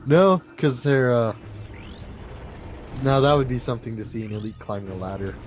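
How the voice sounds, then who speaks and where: A man's voice: mid-range voice, moderate pace, soft background music, rough recording. A man casually commenting on a video game with a friend, laid-back and joking. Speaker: let's play co-commentator.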